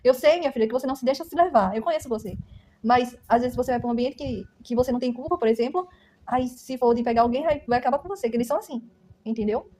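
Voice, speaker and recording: Stern, protective Brazilian mother, as a woman puts her on: fast, earnest warnings in a mellow, fairly high voice. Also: slight background noise, lightly acted. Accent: Brazilian Portuguese.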